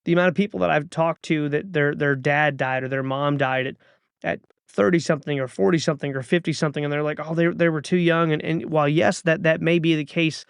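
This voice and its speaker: Thirties male podcast host; earnest motivational monologue, urging and repetitive; gravelly, dry close-mic. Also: on the high side, no echo. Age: 30s.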